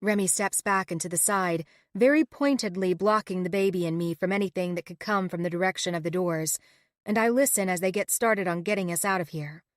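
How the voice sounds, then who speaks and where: Expressive woman audiobook narrator. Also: fairly low pitch, brisk, no room sound, studio quality. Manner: emotional, expressive reading. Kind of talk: first-person audiobook narration.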